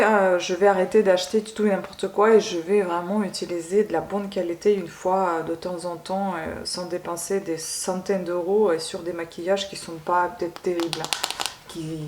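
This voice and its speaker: A woman unboxing beauty products at home in a casual vlog, gushing over each item and pausing often with filler sounds. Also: mid-range voice, reverberant. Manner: gushing, keeps saying she loves it; hesitant, many filler sounds. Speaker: beauty vlogger.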